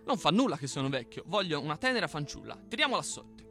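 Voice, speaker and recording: A man's voice: sing-song, quick pace, soft background music, full character voice. A man reading a folk tale aloud, putting on the raised, pleading voice of a stubborn boastful old man. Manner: loud, pleading, high-pitched put-on.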